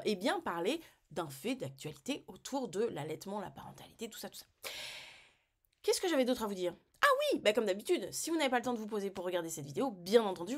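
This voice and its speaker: A woman, hosting a breastfeeding-advice channel in a casual vlog, chatting and joking straight to her viewers and translating texts aloud as she goes. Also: medium pitch. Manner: reads aloud and translates on the fly. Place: home set with decor.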